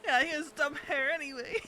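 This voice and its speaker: A woman streamer chats loosely with her audience, laughing often as she talks. Her voice is bright and forceful, with faint noise underneath. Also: sits high. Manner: chatty, laughs often while talking to chat. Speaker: roleplay streamer. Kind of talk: casual live-stream chat.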